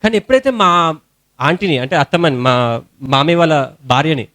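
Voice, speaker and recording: Young male preacher, Telangana Telugu accent, high voice, colloquial storytelling sermon. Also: expressive, a little fast. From India. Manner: storytelling sermon in colloquial speech, rising to shouted hallelujahs.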